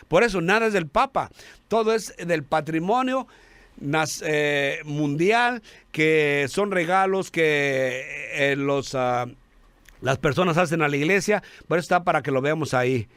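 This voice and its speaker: A man giving an earnest radio sermon, calling listeners brothers, halting now and then with fillers and restarts. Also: fairly high pitch, a bit bright, clear, resonant tone, no room sound. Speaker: radio preacher.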